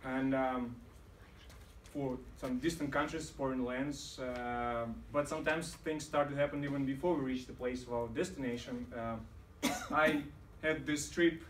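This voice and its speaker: A man delivers a storytelling speech at a club meeting, pausing often with fillers. He is recorded from afar in a roomy hall, and a faint room hum sits underneath. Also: medium pitch, a bit bright. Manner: hesitant, many fillers. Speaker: club speaker. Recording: roomy hall, mic far off.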